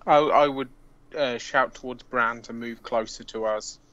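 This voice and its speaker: A man's voice: mid-range voice, steady tone, unhurried, fairly bright tone. A man playing a tabletop game, speaking hesitantly. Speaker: player. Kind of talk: casual chat. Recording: dull lo-fi call audio.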